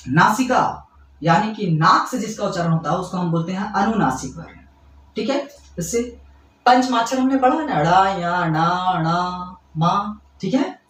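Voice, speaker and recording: A man's voice: high voice, lively intonation, a bit bright, far from the mic, slight background noise. A man teaching grammar to school students. He keeps checking that they follow along and calls them kids. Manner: explains by repeating, checks in with "ठीक है" and quick questions to students; addresses students fondly as kids. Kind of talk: classroom-style lesson explanation. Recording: echoey room, away from the mic.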